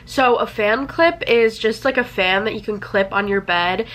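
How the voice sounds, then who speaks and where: A woman's voice: on the high side, normal speed, a bit bright, low-quality recording. A young woman speaks casually to her channel viewers, her voice stuffy and congested from a lingering cold. She rambles in a chatty way, peppering her talk with "like.". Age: young adult. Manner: chatty, frequent "like" fillers. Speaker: vlogger. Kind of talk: casual chat.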